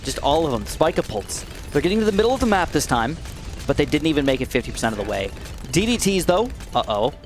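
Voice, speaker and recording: Speaking fast and a bit high, a young gaming YouTuber gives loose, excitable commentary over soft background music. His slightly raspy voice alternates between cheerful outbursts and low mumbles.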